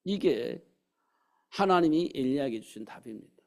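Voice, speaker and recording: This man's voice sits at medium pitch, animated and darkish, moving at a normal speed. He's a pastor delivering a sermon in the church sanctuary, peppering the congregation with rhetorical questions and performing God's words as quotations.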